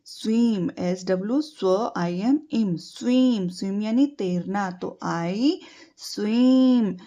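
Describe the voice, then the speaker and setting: Woman tutor, very slow and repetitive, spells out words and quizzes, dull lo-fi sound. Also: mid-range voice, warm tone. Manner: slow, drilling repetition with spelled-out letters and quiz questions. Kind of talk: teaching English verbs to children in Hindi. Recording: dull lo-fi home recording.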